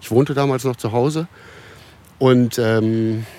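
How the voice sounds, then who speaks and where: A man in his fifties from Germany, a musician guest in a casual podcast conversation, telling stories in a relaxed way with many restarts and fillers. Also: mid-range voice, slow pace.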